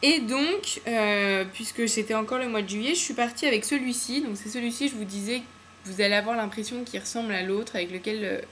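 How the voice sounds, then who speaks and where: A woman's voice: a little high, a little fast, fairly bright tone, slight background noise. A woman chatting casually and enthusiastically in a home video, full of fillers and slang. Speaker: beauty vlogger. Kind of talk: casual nail polish haul chat. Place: home room with windows open to the street.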